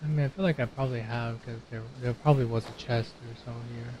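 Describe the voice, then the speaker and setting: A man narrates his gameplay over game music, rambling and thinking aloud with self-deprecating commentary. He talks fast in a mid-range, slightly mellow voice with fairly even intonation, and there is slight background noise.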